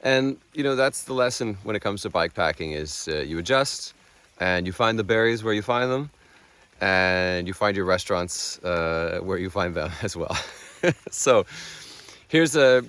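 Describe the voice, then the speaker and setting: Very deep american guy, chill and a bit wry, chatting outdoors by a lake. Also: animated, normal speed, fairly bright tone, clear, resonant tone. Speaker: guest and local guide on the ride. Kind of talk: casual outdoor chat.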